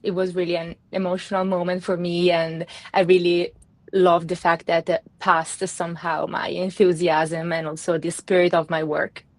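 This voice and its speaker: A woman's voice: lowish voice, flat delivery, normal speed, darkish tone, no echo. A woman presenter thanking the audience after her talk, hesitant with many uhs, over a video call. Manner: grateful, hesitant with uh. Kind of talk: conference Q&A chat.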